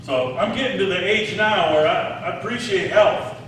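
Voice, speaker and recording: This is a man in his sixties, a pastor, preaching casually and posing questions to those listening. He speaks at a normal speed in a high, somewhat bright voice. The setting is a large echoey hall with a distant mic and slight background noise.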